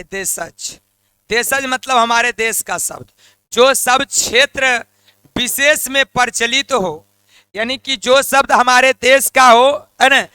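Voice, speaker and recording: A man teaches an exam-prep grammar lesson in a high, bright, crisp voice. He goes slowly, repeats each term and makes his students call it back, in a casual manner. The sound is close and dry. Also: no echo. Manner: repeats key terms and prompts students to say them back; colloquial, addresses viewers as lions and lionesses.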